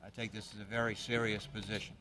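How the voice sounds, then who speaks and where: A man, a police chief giving an earnest, deliberate public address in a city council chamber. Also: lowish voice, level tone, bright, forceful tone, a little hiss or hum. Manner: earnest, deliberate, plain-spoken.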